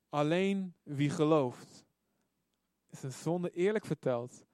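A man delivers a sermon with fervent urgency, his voice sitting fairly high for a man. The recording is dry and close, with no room echo. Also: a little mellow. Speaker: preacher. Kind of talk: sermon with altar call.

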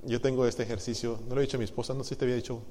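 A middle-aged man preaching as a pastor, swinging between hushed, confessional passages and loud, emphatic ones, often asking his congregation questions. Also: medium pitch, level tone, very fast, a little hiss or hum. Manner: asks the congregation rhetorical questions. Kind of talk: sermon. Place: church hall. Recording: long reverb in a church hall.

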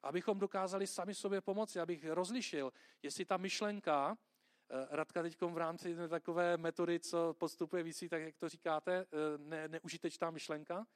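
Male pastor, chatty sermon delivery, voice on the high side, dry close recording. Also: fairly even intonation, smooth, no room sound. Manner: conversational, checks in with listeners.

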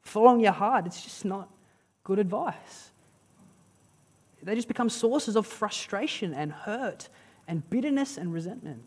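A preacher delivering a sermon, retelling a story with dramatic pauses in a casual, conversational way. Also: mid-range voice, expressive, a little mellow, slightly rough. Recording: long reverb of a large hall.

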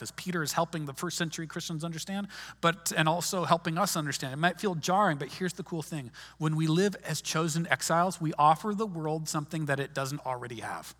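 A pastor whose fairly high voice is a bit bright gives a conversational sermon, restarting his sentences again and again. It was captured in a large hall with long reverb.

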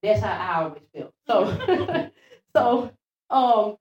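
A woman preaching in a church before the pastor, retelling Bible stories in a lively, repeating way and acting out the quotes. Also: mid-range voice, slow pace, dull audio. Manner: lively, repeats phrases, acts out quotes, laughs at herself. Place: church sanctuary. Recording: echoey church room.

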